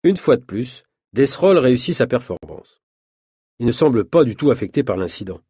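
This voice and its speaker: A man narrating a story for language learners in a measured, clearly articulated reading. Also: mid-range voice, very animated, mellow, no room sound, studio quality. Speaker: audiobook narrator.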